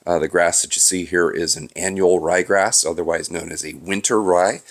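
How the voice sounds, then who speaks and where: A man with a cold and a stuffy voice, casually explaining his lawn care work in a vlog, with frequent "uh" fillers. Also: low voice. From Southern California.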